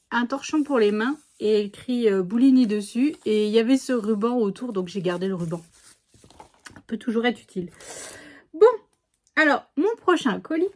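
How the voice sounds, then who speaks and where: A woman's voice: on the high side, darkish tone. Chatty woman unboxing craft supplies. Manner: chatty and rambling, many fillers and restarts. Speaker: scrapbooking vlogger. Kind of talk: casual chat, unboxing a craft haul.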